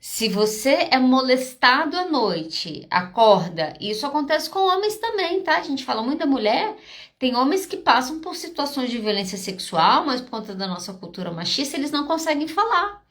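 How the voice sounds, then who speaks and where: A woman's voice: high-pitched, very animated, normal speed, a bit bright. A Brazilian woman psychologist with a Brazilian Portuguese accent, hosting a live podcast talk, direct and emphatic, driving her points home with short check-ins to listeners. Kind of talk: live podcast talk answering audience questions.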